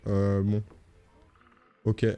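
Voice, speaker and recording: A man's voice: lowish voice, monotone, drawn-out words, mellow, smooth. A male streamer chatting casually as he plays a game, reading text aloud and joking. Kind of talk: gaming livestream commentary.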